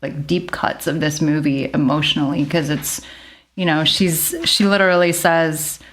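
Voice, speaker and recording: A woman's voice: sits low, steady tone, moderate pace, fairly bright tone. Chatty woman, fillers everywhere. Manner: rambling, heavy use of "like", laughs often. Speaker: nurse practitioner and midwife guest. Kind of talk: casual podcast chat.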